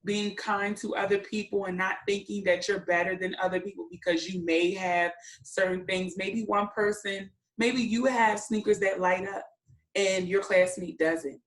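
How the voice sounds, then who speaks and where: In an echoey room, a children's read-aloud host and teacher reads to young listeners, breaking down words simply and with encouragement. Her voice sits at medium pitch, with a steady tone and moderate pace.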